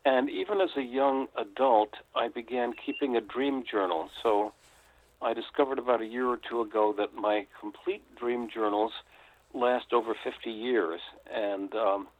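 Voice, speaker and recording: A man's voice: medium pitch, moderate pace, no echo. Older man telling a story over a phone line. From United States. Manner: reflective, with frequent "uh" hesitations. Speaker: author and guest. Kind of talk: storytelling interview.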